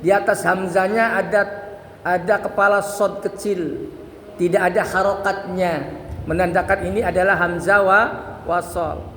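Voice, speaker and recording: A man teaching Quran recitation rules, patiently explaining and chanting examples slowly. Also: sits high, steady tone, a bit bright, a little hiss or hum. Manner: patient, repeats points with many "ya" tags, chants examples slowly. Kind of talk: tajwid lesson with sung demonstrations. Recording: echoey room with long reverb.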